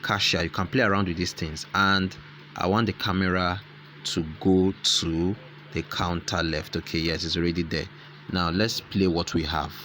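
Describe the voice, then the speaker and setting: A man's voice: deep voice, flat delivery, normal speed, pushed and bright, slight background noise. A man hosting an app tutorial who explains each step in a rambling way and corrects himself as he goes. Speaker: tutorial host. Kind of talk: screen-recorded app tutorial.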